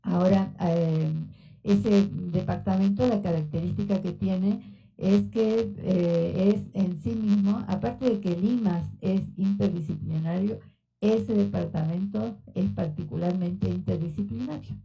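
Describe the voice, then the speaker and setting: A researcher in her sixties from Argentina gives an informal, conversational lecture in a university auditorium, unhurried and full of fillers, her Argentine Spanish accent carrying a Mexican influence. Her medium-pitched voice is creaky and mellow. Soft music plays in the background, and the audio is poor.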